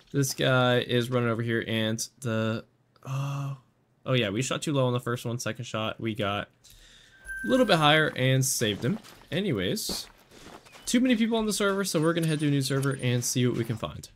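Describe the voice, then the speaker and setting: A man giving casual, excitable commentary while he plays a hunting game, talking to himself as he lines up shots. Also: mid-range voice, brisk, a little hiss or hum. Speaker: gaming channel host.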